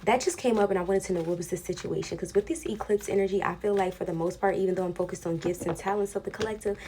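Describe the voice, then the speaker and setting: A woman gives a casual spiritual card reading in a relaxed, warm, slightly low voice. She talks informally, straight to her viewers, as a reader chatting with her audience. There is some background noise on the recording. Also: fast. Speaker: tarot reader hosting an online pick-a-pile reading.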